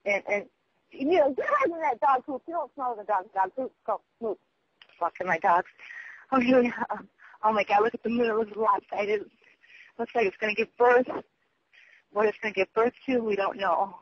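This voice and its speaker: A woman's voice: fairly high pitch, expressive, moderate pace, a little hiss or hum. A woman leaves a long voicemail message, talking in a rambling, scattered and urgent way and swearing as she goes. The sound is muffled and lo-fi, as over a phone line.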